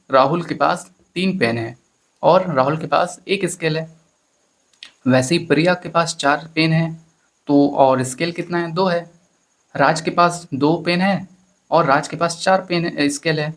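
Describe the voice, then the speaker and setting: A man with a somewhat high voice teaches maths in Hindi at a measured pace, his Indian accent clear. He breaks each step down and often speaks to his students as friends.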